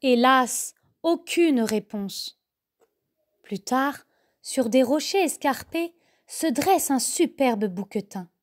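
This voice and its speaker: Mum reading a kids story, slow and sing-songy, pitch all over the place. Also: female voice, animated, a little mellow. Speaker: mother reading a children's story. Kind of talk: storybook narration.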